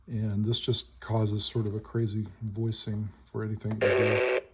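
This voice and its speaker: A man's voice: on the low side, level tone, unhurried, vocal fry, fairly bright tone. A man giving a casual hands-on walkthrough, explaining piecemeal in short, tentative phrases. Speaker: demonstrator of a modified electronic instrument. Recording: very noisy, with device buzz and clicks. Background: electronic toy noises and button clicks.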